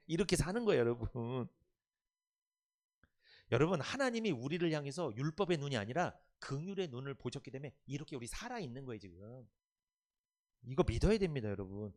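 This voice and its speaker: Lively, animated male pastor preaching. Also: mid-range voice, brisk. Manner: emphatic, questions and coaches the congregation. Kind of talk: Sunday afternoon sermon.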